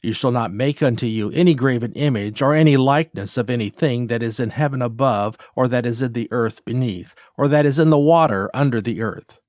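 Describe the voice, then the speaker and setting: A man giving a measured, solemn scripted reading of scripture. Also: medium pitch, a little mellow, no room sound, studio quality. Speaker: scripture reader.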